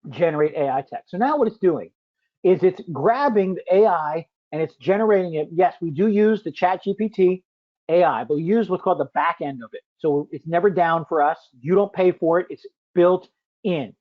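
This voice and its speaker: Chatty man demoing software. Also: sits high, moderate pace. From United States. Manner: chatty, keeps tagging "right?", answers viewers by name. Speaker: software demo presenter. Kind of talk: live webinar product demo. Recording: muffled lo-fi audio.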